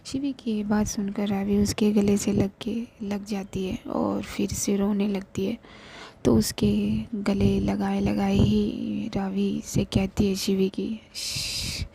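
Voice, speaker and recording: A young woman with a cold and flu, narrating a story in a soft, often half-whispered voice and mixing English into her Hindi. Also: mid-range voice, level tone, takes it slowly, vocal fry, husky, rough recording. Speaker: storyteller and channel host.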